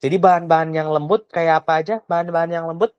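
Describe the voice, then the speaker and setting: A woman's voice: fairly low pitch, fairly even intonation, fast, clean tone, dry recording, dull audio. A young woman tutoring a child, patient and full of questions, often trailing off with a casual tag. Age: young adult. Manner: patient, asks many questions, trails off with "gitu". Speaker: private tutor. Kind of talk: online tutoring lesson.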